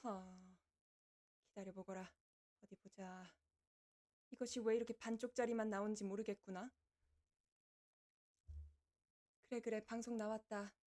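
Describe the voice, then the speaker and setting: A woman's voice: a little high, level tone, fast talker, hardly any pauses, dark tone, close to an everyday voice. A woman voicing a kindly, lordly female reaper from the underworld who chats to livestream viewers in archaic speech. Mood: distracted, muttering. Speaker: virtual streamer hosting a debut live broadcast. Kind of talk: in-character livestream chat with viewers.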